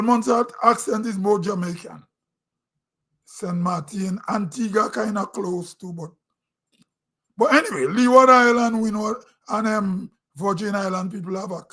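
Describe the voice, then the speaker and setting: A middle-aged man from Grenada, speaking with a Grenadian accent, rambles through an opinion monologue on his own online show. His voice sits high with a fairly bright tone, and his conversational delivery is full of throat-clearing and restarts.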